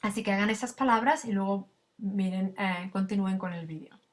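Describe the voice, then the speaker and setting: A woman gives a recorded lesson at a patient, explanatory pace. Her pitch sits in a middle range, neither high nor low. She stops often with small fillers as she explains each point. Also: fairly quick. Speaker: Spanish teacher. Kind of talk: recorded lecture.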